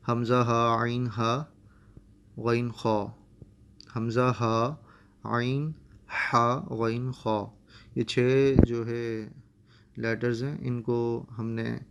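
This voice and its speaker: Male online Quran tutor, mid-pitched and monotone, patient syllable-by-syllable drilling. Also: vocal fry. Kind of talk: recorded Quran reading lesson.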